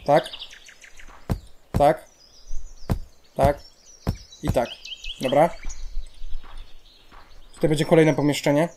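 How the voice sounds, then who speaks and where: Excitable young Polish gamer. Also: male voice, a little high, slow pace, pauses often, background noise. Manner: excitable, talks to himself and the game, exasperated outbursts. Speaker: let's play gamer. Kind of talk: casual gameplay commentary.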